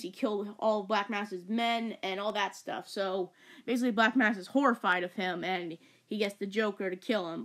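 A young woman giving a casual movie review, rambling and excitable, full of fillers and stumbles. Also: medium pitch.

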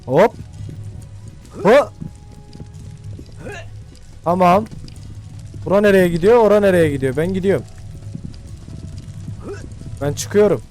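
A young man with a fairly high voice chats his way through a video game, slangy and loose as he thinks aloud. Game music plays faintly behind him. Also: slow, pauses often, darkish tone. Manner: chatty, slangy, thinks aloud while playing. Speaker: gaming YouTuber. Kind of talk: casual let's-play commentary.

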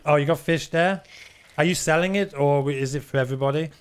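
Higher-pitched man streaming a game. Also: fairly quick, smooth. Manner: chatty, teasing. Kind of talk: casual live gameplay commentary.

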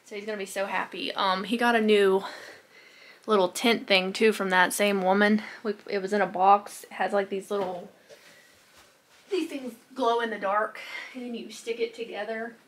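A woman, chatting casually to the camera in a day-in-the-life vlog. She rambles and often fills pauses with "um" and "like", and she is recorded close to a phone camera in a small bedroom. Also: medium pitch, fairly even intonation. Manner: chatty and rambling, with frequent fillers like "um" and "like". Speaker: lifestyle vlogger. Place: small bedroom at home, indoors.

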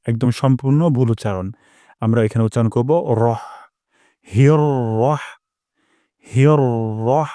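Man teaching recitation, slow drawn-out demonstrations. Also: medium pitch, warm tone, no echo, studio quality. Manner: slow, drawn-out demonstrations of each sound, repeated. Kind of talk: pronunciation lesson.

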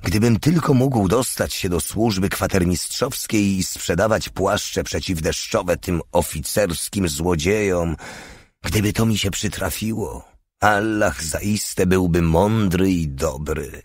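A man's voice: low-pitched, slow, husky, no room sound, studio quality, heavily acted. A man reading a scornful, growling legionnaire. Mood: scornful, brooding. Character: bitter, boastful male foreign legionnaire.

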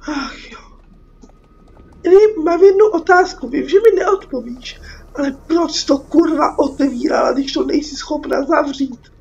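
With a cold, a Czech woman gives sweary, casual game commentary in a high-pitched voice with vocal fry and a slightly mellow tone. The gaming YouTuber reads dialogue and reacts with exasperation; the mic is muffled and there's background noise.

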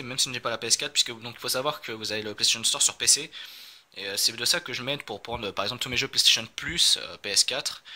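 A man's voice: on the low side, sharp tone. A man chatting casually as he unboxes a game, rambling with many fillers and self-corrections.

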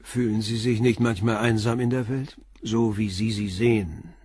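With a fairly low, slightly rough male voice in a dry recording, an actor plays a German radio crime drama's calm, persistent middle-aged police commissioner. His questions come measured, blunt and probing.

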